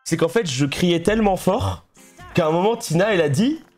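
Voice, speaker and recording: A man's voice: high voice, expressive, normal speed, a little mellow, faint music behind. A young man from France chatting casually on a live stream while playing a game, telling stories and laughing often.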